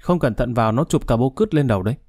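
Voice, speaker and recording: Gruff, mocking male prison guard in a storybook reading, low mellow tone, as a male narrator reads him. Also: expressive, quick pace, no echo, studio quality, faint music behind, lightly acted. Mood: scolding. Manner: scolding, coarse.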